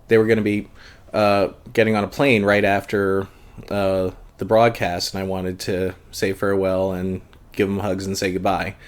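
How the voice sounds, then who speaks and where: Reading out viewer comments on his casual live book club stream, a man speaks in a relaxed, hesitant way packed with fillers. He's slightly congested, with a lowish, clear, resonant voice. He is an adult and a long-time convention goer.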